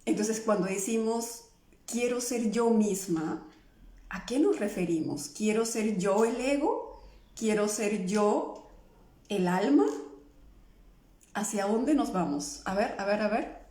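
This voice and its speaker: A woman's voice: medium pitch, slow, pauses often, warm tone. A woman talking live as an emotional healing coach, checking in with her listeners through constant questions. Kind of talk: live stream talk to viewers. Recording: echoey room.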